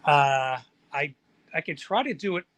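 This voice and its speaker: A man's voice: a little high, animated, measured pace, a bit bright, no room sound. A man on a video call, joining as a guest and apologetically sorting out audio trouble from home. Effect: heard over a video call. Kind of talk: casual chat.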